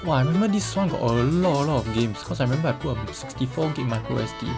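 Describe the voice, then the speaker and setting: Casting: man, twenties, Singaporean accent, lower-pitched to mid voice, exclamatory self-talk for a casual gaming vlog, music behind. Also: fast, creaky. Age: 20s. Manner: exclamatory, talking to himself with colloquial particles. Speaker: vlogger. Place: small bedroom, indoors.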